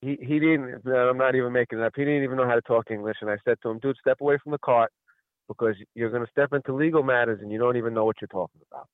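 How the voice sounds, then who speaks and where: Calling in to a radio show over a tinny telephone line, a man rambles through a long story, acting out what everyone said. His middle-pitched voice races along, and the sound is dry and close with no room echo.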